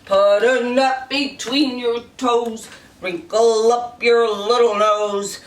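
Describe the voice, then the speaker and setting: Gender: woman singing as a daddy squirrel. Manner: lowered voice. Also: steady tone. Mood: playful. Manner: sung in a deliberately lower voice. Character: daddy squirrel, grown male. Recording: roomy, distant mic, faint noise.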